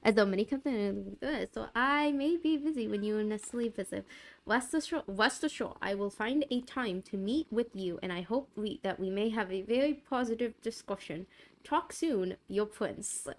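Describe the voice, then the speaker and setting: A woman voicing a young male prince with a deep, suave, formal manner, reading out a letter. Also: expressive, moderate pace.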